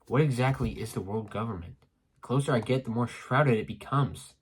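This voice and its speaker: A man reading a comic aloud for a casual reaction stream, in a steady, plain delivery. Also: medium pitch, brisk, a little hiss or hum.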